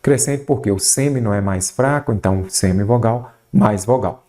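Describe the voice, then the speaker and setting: Mellow-voiced teacher, questioning. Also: male voice, on the low side. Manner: lively teacher asking himself questions, drawn-out words. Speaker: Portuguese teacher. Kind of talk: exam-prep grammar lesson.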